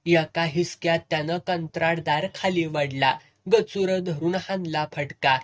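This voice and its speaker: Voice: medium pitch, steady tone, a little slow. A storyteller reading a serialized village novel aloud with vivid, earthy narration.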